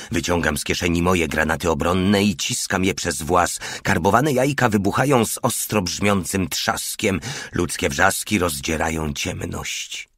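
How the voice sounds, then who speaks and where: A man reading an audiobook as narrator, with steady, grave scripted narration. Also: deep voice, no echo, studio quality.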